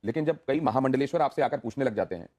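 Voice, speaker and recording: A man's voice: medium pitch, expressive, racing, warm tone. A male anchor running a television panel debate, pressing his guest and repeating words to break in.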